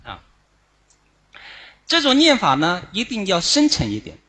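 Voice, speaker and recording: A man giving an instructional Dharma talk on chanting, explaining it in a measured way with frequent drawn-out "ah" fillers. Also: sits high, wildly swooping pitch, sharp tone, husky. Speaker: Buddhist chanting teacher.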